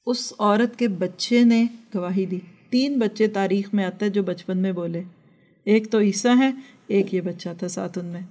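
Woman preacher, mellow tone, earnest exhorting sermon with recited verses. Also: mid-range voice. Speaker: religious teacher. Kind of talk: sermon with storytelling.

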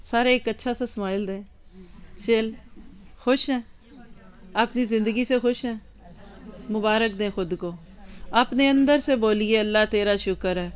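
A woman's voice: on the high side, pauses often, muffled recording. A woman religious teacher giving a lesson to women, speaking earnestly and addressing her listeners directly.

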